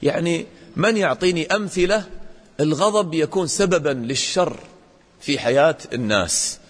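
A man teaching a religious lesson to children, questioning the class and acting out examples in an animated way. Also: on the high side, normal speed, in a large hall.

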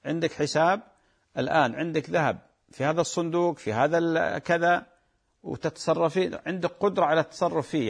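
An Islamic scholar with a Gulf Arabic accent answers callers' religious questions on a call-in Q&A. His voice is fairly high with vocal fry, and he explains patiently, repeating key points.

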